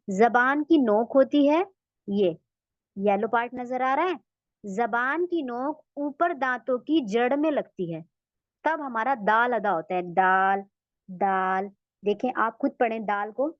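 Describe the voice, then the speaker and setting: A woman teaching Quran recitation in an online lesson, patiently repeating sounds slowly for her students to copy. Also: fairly high pitch, no echo, highs cut off.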